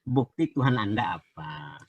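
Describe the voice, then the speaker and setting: A man's voice: on the low side, lively intonation, measured pace, husky, dull audio. A man in a heated live online debate, insistently and repeatedly demanding to be heard. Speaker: debate opponent on a live stream.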